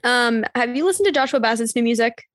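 A woman's voice: a little high, lively intonation, fast talker, dry recording, clean studio sound. A nineteen-year-old woman co-hosting a podcast, bubbly and joking in casual chat. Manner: bubbly, joking, filler-heavy. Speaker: podcast co-host.

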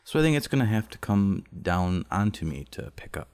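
A young man with a very deep voice speaks calmly and steadily. His manner is reassuring and unhurried in a relaxed talk between two people. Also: smooth. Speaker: podcast co-host. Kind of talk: casual intimate conversation.

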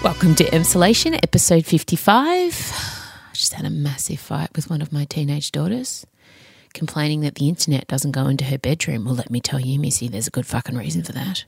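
A middle-aged woman with a slightly low voice hosts a podcast, recorded close and dry. She chats in a confessional, theatrical way, candid, sweary and happy to mock herself. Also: brisk, creaky, darkish tone, husky, no echo, faint music behind. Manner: sweary, theatrical, self-mocking candour. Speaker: podcast host. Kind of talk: chatty, confessional solo podcast monologue.

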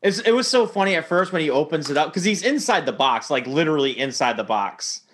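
Animated young man retelling scenes. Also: fairly high pitch, fast talker. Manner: animated storyteller, acts out movie lines. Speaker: podcast co-host. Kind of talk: casual chat.

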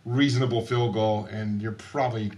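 A man's voice: on the low side, steady tone, normal speed, a little mellow. A man co-hosting a sports podcast, a sports writer chatting casually and restarting his sentences often. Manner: hesitant, many restarts.

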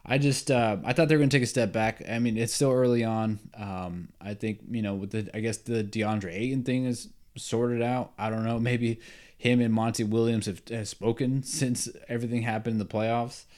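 A man's voice: medium pitch, level tone, normal speed, a little mellow. A young man hosting a sports podcast alone, talking casually and with strong opinions, full of fillers and restarts. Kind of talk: solo casual sports talk.

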